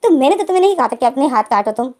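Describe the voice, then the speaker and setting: Woman doing an upset young man in a storybook retelling, high and mellow, pleading; light acting. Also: lively intonation, rapid-fire. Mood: hurt, pleading. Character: young man, hurt and jealous lover.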